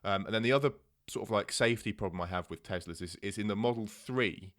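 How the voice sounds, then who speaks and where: A man's voice: fairly low pitch, fast talker. A man co-hosting a podcast, chatting casually about technology with many restarts and fillers. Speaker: podcast co-host. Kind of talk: casual tech chat. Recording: podcast mic.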